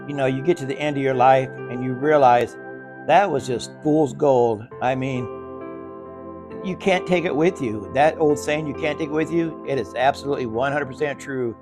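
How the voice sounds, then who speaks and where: An older man with a plain-spoken, folksy, grumpy old man manner, talking in a casual, reflective monologue. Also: medium pitch. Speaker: video creator sharing life advice.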